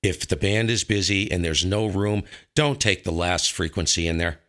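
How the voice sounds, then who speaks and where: A low-voiced American man from the northern U.S. hosts a ham radio show at a moderate pace, his tone fairly bright. He chats casually about radio operating, pressing his opinions hard and repeating points for emphasis.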